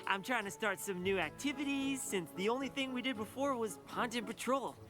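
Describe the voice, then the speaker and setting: A man's voice: extremely high pitch, moderate pace, music in the background. An actor voicing a kind young male changeling ruler in a cartoon, earnest and eager to please. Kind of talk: cartoon voice acting.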